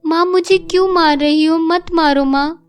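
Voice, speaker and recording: A gentle, studious girl from a cartoon story, as a woman narrator voices her. She speaks softly and pleads rather than argues. Her voice is high, with faint music behind. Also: fairly even intonation, moderate pace. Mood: soft, pleading.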